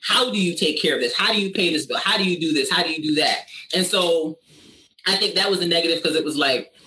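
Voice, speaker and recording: A woman from Barbados, a podcast guest, talking in a relaxed, thoughtful way with many fillers. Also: fairly low pitch, fast. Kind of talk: casual reflective chat. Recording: echoey room, faint background noise.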